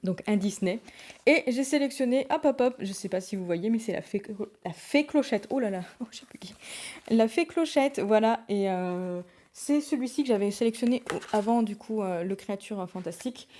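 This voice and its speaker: A young woman chats casually to camera in a mellow, dark-toned voice. She rambles and hesitates a lot, trailing off and restarting her thoughts. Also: mid-range voice, expressive, moderate pace. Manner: chatty, rambling, many hesitations. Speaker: book vlogger.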